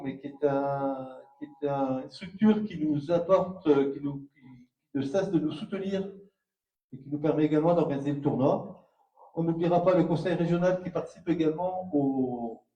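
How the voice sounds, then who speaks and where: Mellow man in a dull echoey hall. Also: on the high side, distant mic. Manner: halting, repeats words. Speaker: co-president of the tournament. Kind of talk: thank-you speech.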